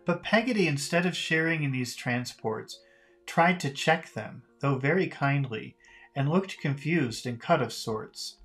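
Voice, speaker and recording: A man's voice: medium pitch, measured pace, fairly bright tone. Man reading a novel aloud. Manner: careful reading with slips and self-corrections. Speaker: audiobook reader for learners. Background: faint music.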